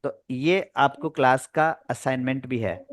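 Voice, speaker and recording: A man's voice: mid-range voice, measured pace, no room sound, studio quality. Man teaching English over a video call. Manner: explains in Hindi mixed with English terms, patient and repetitive. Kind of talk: online class lecture.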